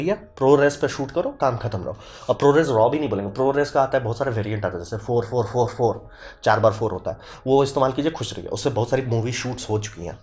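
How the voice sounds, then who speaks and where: A man casually explaining camera video formats to viewers, talking quickly and addressing them directly. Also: mid-range voice, darkish tone.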